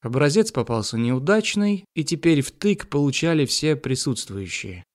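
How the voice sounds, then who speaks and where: A man narrating a comic fantasy audiobook in a wry, lively way. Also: a little high, moderate pace, no echo, studio quality.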